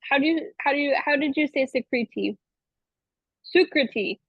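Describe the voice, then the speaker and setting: A woman's voice: high-pitched, fast, no echo. A woman joining a video call to ask a question, chatty and apologetic, talking while eating. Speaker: participant asking a question. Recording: muffled dry lo-fi video call audio.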